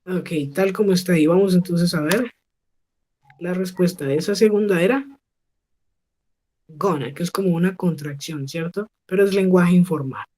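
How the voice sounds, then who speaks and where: A woman teaching an English class over a video call. She models each phrase slowly and keeps checking with her students. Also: fairly low pitch, dark tone. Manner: patient, slow model pronunciation with frequent check questions. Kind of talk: online class instruction.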